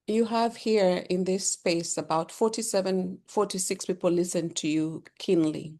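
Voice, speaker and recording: A middle-aged woman hosting a webinar, asking measured, polite questions. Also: on the low side, steady tone, warm tone. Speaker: webinar host and interviewer. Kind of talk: webinar interview. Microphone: video call.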